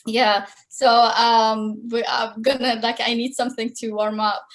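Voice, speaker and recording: A woman's voice: on the high side, level tone, measured pace. A woman in her thirties from Iraq, speaking as a podcast guest over a video call, hesitant and searching for words. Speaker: guest, concept artist. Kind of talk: podcast interview. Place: room at home.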